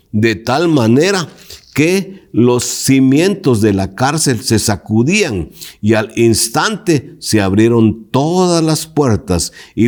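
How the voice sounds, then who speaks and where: A man's voice: medium pitch, a little mellow. A male pastor teaching a Bible lesson, emphatic and preacherly, putting direct questions to his listeners.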